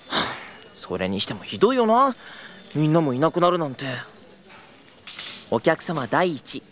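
A man in his twenties plays a new trainee tour guide, narrator and lead of an audio drama, sounding earnest, polite and slightly flustered. His natural voice sits on the high side.

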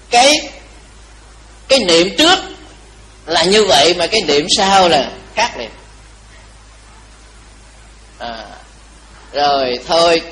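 A man preaches to a temple audience in a lively, conversational storytelling manner. His voice sits high and carries a slight weariness. A faint background noise runs under the recording. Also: low-quality recording. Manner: animated, chatty storytelling to an audience. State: a little tired. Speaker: Buddhist monk giving a dharma talk. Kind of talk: storytelling sermon.

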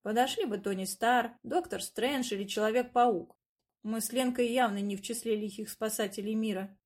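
A woman reading a first-person fairy-tale audiobook in a lively, ironic storytelling manner. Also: fairly high pitch, normal speed. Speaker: narrator.

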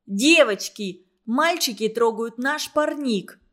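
A woman reading a children's story aloud, voicing a bossy, indignant schoolgirl who shouts her protests. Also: a little high, animated, takes it slowly.

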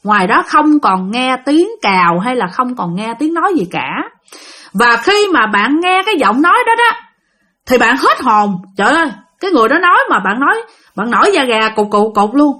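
A woman's voice: a little high, moderate pace. A woman with a Southern Vietnamese accent narrating a ghost story, talking straight to her listeners. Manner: animated, addressing listeners directly.

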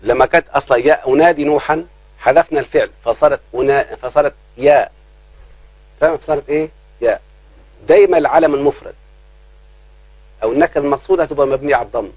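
A man with an Egyptian accent teaching grammar in a live class, checking often whether students follow and drawing out his examples slowly. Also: fairly high pitch, a little mellow, husky, no room sound, low-quality recording. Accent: Egyptian Arabic. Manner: keeps quizzing students, slows down to drawl examples.

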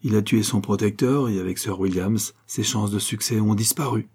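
Cool measured countess, read by a man, dark husky voice, audiobook. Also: lowish voice. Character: composed, calm older countess. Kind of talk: audiobook reading.

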